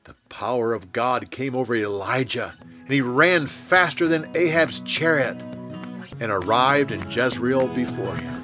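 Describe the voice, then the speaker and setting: Expressive, deliberate male storyteller. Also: medium pitch, soft background music. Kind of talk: Bible story narration.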